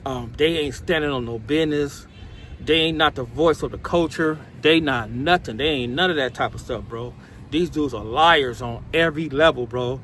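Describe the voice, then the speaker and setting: Outdoors, with passing vehicles and urban noise behind him, an American man offers spontaneous motivational talk to the camera. His medium-pitched voice is fairly bright and moves at a normal speed, and his vlogger-style advice is streetwise, emphatic, slang-heavy, and aimed at "bro."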